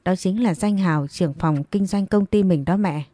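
Young daughter in a storybook reading, voiced by a woman: pregnant, frightened, soft slow pleading, dry close sound. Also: fairly low pitch, no echo, lightly acted.

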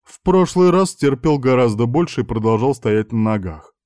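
A man's voice: medium pitch, lively intonation, normal speed, warm tone, no room sound, clean studio sound, close to an everyday voice. A man voicing a bossy, teasing young woman student in a read-aloud story, with a pushy, mocking manner.

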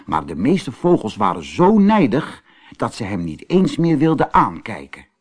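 Reading a children's fairy tale as a storyteller, a man with a husky, medium-pitched voice takes his time and gives it plenty of expression.

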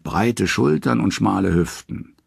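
A man's voice: on the low side, animated, unhurried, vocal fry, breathy edge, no echo, studio quality, voice pushed up, heavily acted. A man voicing the talking severed head of a wise old male advisor, grumbling as he explains.

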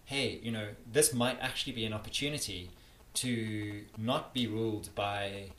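At normal speed, a campaigner with a South African accent gives interview answers in a lowish, slightly bright voice. He sounds earnest and emphatic and often starts sentences over. The room adds echo and faint noise.

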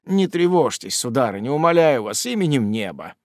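Soft-spoken sentimental suitor, tender and slow, voiced by a male narrator, dry close sound. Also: on the high side, big pitch swings, no room sound. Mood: soothing. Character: sentimental young gentleman, lightly wounded, tender suitor. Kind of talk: audiobook character voice.

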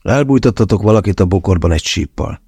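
A man's voice: deep voice, animated, mellow, breathy edge, dry recording, heavily acted. A man voicing a coarse, skeptical man who grumbles curtly, in an audiobook. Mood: gruff. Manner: grumbling, curt.

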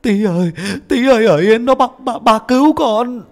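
A man voicing a desperate young father in an audio story, pleading in a high, frantic, raw voice. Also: moderate pace, a little mellow.

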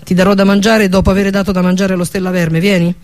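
A man's voice: high-pitched, flat delivery, fast, darkish tone, natural voice. Man doing a mocking, bossy sea-dwelling woman. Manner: mocking, commanding. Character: sharp-tongued sea-dwelling female swimmer, bossy and mocking.

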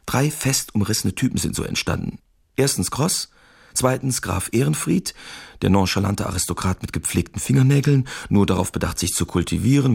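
A man's voice: on the low side, vocal fry, a little mellow, slightly rough, exaggerated voice. An actor playing a lonely, sardonic male artist who reads his wartime letters aloud with bitter, mock-patriotic irony in a radio drama.

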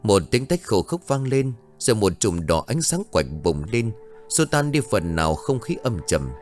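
A man's voice: lowish voice, very animated, moderate pace, darkish tone. A man narrating a horror ghost story in a dramatic, suspenseful way. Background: faint music.

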